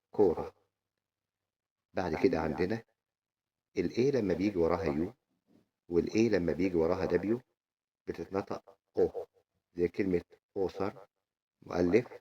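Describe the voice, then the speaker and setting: A man with an Egyptian accent teaching children English letter sounds in a friendly, slow, sing-song way. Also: sits low, husky, lo-fi sound. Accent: Egyptian Arabic.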